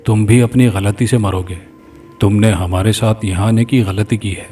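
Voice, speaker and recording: A cold, threatening spirit speaking through an old father's body, as a male narrator puts him on. The voice is dark and mellow, recorded from a distance over faint music in a horror audiobook. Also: lowish voice, fairly even intonation, lightly acted.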